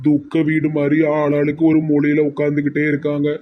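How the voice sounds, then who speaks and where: A man's voice: on the high side, monotone, fairly quick, phone-quality sound. A man with a Tirunelveli Tamil accent, voicing the male characters of a village comedy cartoon in a weary tone. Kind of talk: animated village comedy dialogue.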